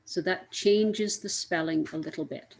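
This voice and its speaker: A woman's voice: fairly low pitch, unhurried, gravelly, low-quality recording. A woman teaching an English grammar lesson, speaking carefully, spelling out letters and repeating each example.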